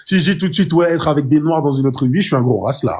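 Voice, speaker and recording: A man's voice: fairly high pitch, fast, a little mellow. A man from Côte d'Ivoire, a guest on a live stream, arguing and teasing in a casual debate. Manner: argumentative and teasing.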